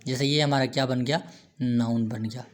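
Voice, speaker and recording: A man's voice: medium pitch, fairly even intonation, normal speed. A man giving a grammar lecture, repeating himself and answering his own questions as he goes. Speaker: teacher.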